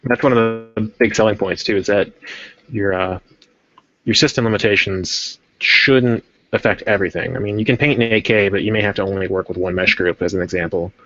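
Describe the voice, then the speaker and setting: A man's voice: on the low side, steady tone, a little fast, fairly bright tone. A man hosting a casual livestream, chatting in a rambling way while he paints a model. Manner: rambling, chatty, self-interrupting. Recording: dull lo-fi stream audio.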